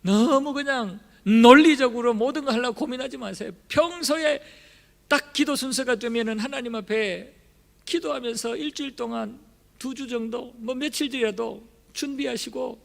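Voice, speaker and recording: A man preaching a passionate sermon in a church sanctuary, swinging between hushed and loud. His voice is very high with a gravelly fry. The church hall gives it a long reverb. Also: moderate pace. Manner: impassioned, emphatic, swinging between soft and loud. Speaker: pastor.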